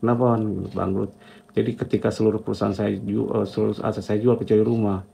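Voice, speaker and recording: A man's voice: fairly low pitch, level tone, fast, creaky, mellow, slight background noise. A middle-aged man telling his own story as a motivational testimony, reflective and repetitive, ending phrases with a casual filler. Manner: reflective, talks in short repeated phrases with a filler at each line end.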